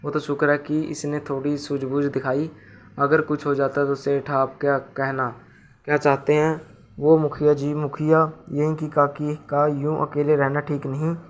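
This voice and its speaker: A man's voice: on the high side, completely flat delivery, normal speed, lightly acted. A man voicing a stern, fair village headman who questions firmly. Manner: firm, questioning.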